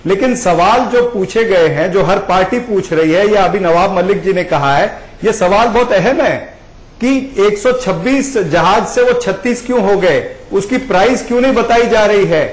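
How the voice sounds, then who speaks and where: High-voiced man firing questions, roomy sound. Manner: rapid-fire listing of questions. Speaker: party spokesman. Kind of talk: political debate.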